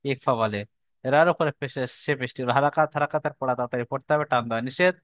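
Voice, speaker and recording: Patient, clear-voiced male tajweed teacher. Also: mid-range voice, fairly bright tone, dry recording. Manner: patient, repetitive explaining, spelling out syllables slowly. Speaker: Quran recitation teacher. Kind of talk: online tajweed lesson.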